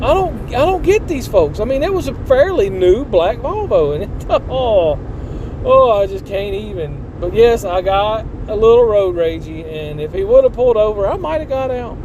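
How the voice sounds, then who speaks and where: A man giving a casual, earnest, preachy vlog monologue in a folksy, colloquial way. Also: very high voice. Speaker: channel host. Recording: clear vehicle and outdoor noise.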